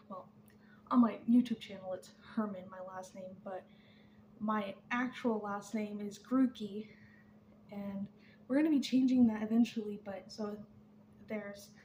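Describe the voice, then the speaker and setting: A young woman talking candidly to camera, rambling and trailing off softly, a little out of breath. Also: medium pitch, echoey room, slight background noise. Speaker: vlogger. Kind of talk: casual chat to camera.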